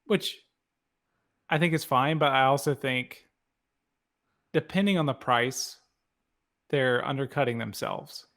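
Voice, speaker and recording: A man's voice: mid-range voice, unhurried, long pauses, fairly bright tone. A man co-hosting a design podcast, chatting casually and speaking emphatically. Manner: opinionated, emphatic about pricing. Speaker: podcast co-host. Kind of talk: casual chat.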